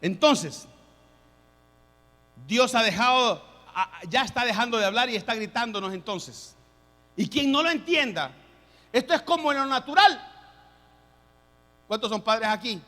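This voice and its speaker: Fervent high-voiced preacher in a hall. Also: male voice, expressive, a little slow, long pauses. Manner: preaching with rising, shouted emphasis. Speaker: pastor. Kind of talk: sermon.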